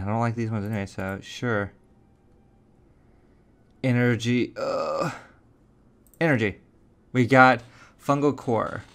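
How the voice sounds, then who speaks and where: A man's voice: mid-range voice, a bit bright. A man hosting a gaming channel, chatting casually and thinking aloud as he plays a card game. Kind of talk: casual gameplay commentary.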